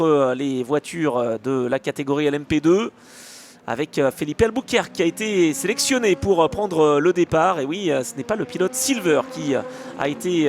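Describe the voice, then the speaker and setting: A man giving live motorsport race commentary in a hesitant, excitable way. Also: a little high. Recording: clear engine and trackside noise behind.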